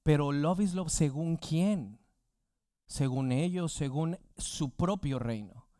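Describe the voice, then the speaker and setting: A man's voice: on the high side, takes it slowly, mellow, dry recording, clean studio sound. A man preaching a sermon as pastor, asking the congregation rhetorical questions.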